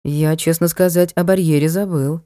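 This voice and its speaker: A woman's voice: sits low, fairly even intonation, normal speed, mellow, dry recording, studio quality, close to an everyday voice. A woman voicing a blunt teasing knight. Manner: brusque, teasing, matter-of-fact. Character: blunt mocking young male knight. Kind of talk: audiobook character voice.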